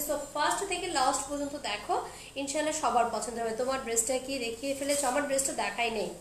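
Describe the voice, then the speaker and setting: Young Bangladeshi woman, high voice, gentle slow delivery, live-stream seller; roomy phone sound, faint hiss. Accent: Bangladeshi Bengali. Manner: speaks slowly and softly, reading out viewers' comments. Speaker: online clothing seller hosting a live sale. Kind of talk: casual live-stream sales talk. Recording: roomy echo with faint background noise.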